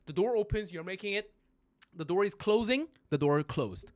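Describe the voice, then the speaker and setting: A man teaching phrases in a live-streamed lesson, joking, swearing casually and making loud sound effects. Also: high-pitched, lively intonation, normal speed, dry recording. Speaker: Korean language teacher.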